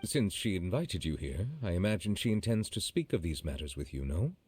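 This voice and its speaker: A man voicing a solemn, formal judge in a video game, speaking in a measured, restrained, regretful manner. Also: low voice, big pitch swings, noisy background. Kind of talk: video game story narration.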